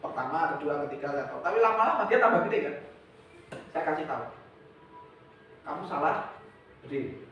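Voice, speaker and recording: A man in his thirties preaches to young people, his fairly high voice rising to loud emphatic peaks and dropping soft, slipping into casual slang. He is heard from a distance in a hall full of heavy echo. The sound is dull and muffled. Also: animated, quick pace, slight background noise. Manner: casual, mixes in everyday slang and English words. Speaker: youth pastor. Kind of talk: Indonesian church sermon. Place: church hall.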